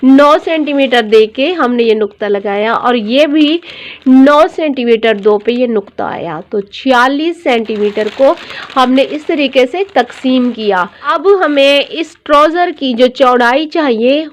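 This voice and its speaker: A woman's voice: high voice, lively intonation, slow. A woman teaching a dressmaking tutorial, explaining each step patiently and repeating every measurement.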